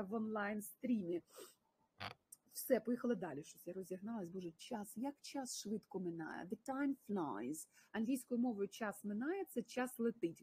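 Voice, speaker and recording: A woman's voice: mid-range voice, mellow, breathy edge. A woman with a Ukrainian accent teaching an English lesson on a livestream, mixing both languages and praising her students by name.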